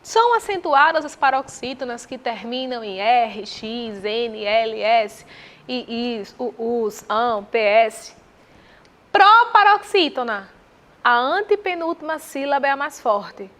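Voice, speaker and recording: A woman with a Brazilian accent teaching Portuguese, walking through exam answers with rhetorical questions and slow repetition of terms. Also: on the high side, animated, fairly bright tone. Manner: didactic, asks the viewer rhetorical questions; spells out terms slowly and repeats them.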